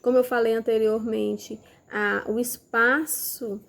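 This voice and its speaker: A woman's voice: a little high, level tone, takes it slowly, creaky. A woman teacher, talking parents through letter activities in a casual instructional way and modeling questions as if to a child. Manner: demonstrates with materials, asks questions as if to a child.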